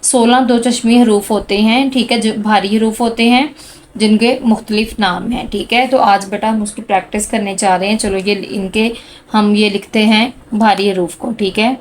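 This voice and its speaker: A woman teaching a handwriting lesson to children, speaking slowly and patiently and calling out each letter sound as she writes. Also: medium pitch, fairly even intonation, a little hiss or hum. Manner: slow, patient, addresses students as "beta"; calls out letter sounds one by one while writing.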